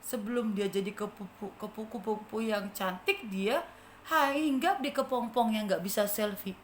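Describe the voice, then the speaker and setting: A woman's voice: mid-range voice, a little slow. A woman with an Indonesian accent telling a children's story in church, often asking the children questions. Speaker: Sunday school teacher. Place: church hall. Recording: echoey church hall, faint noise.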